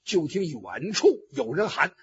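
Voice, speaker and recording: A man's voice: a little high, very animated, a little slow, slightly rough. A man telling a traditional Chinese story vividly, with spoken sound effects and acted cries. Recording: dull lo-fi recording.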